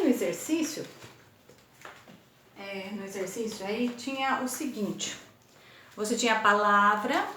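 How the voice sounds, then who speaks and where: Slow, patient teacher woman, echoey room. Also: mid-range voice, sharp tone, slight background noise. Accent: Brazilian Portuguese, São Paulo state. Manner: slow syllable-by-syllable spelling, patient and encouraging. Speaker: primary school teacher. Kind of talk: recorded remote lesson for young children.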